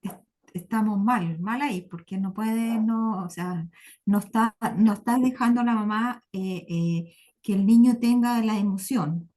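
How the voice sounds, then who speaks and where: Woman student, online class answer, mellow warm voice, mid pitch, hesitant, frequent restarts. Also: a little slow.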